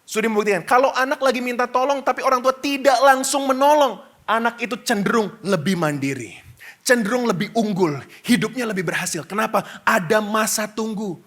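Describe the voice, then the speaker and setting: Male pastor, middle-aged, high-pitched, lively sermon with frequent asides to the congregation. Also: brisk. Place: church stage before a congregation.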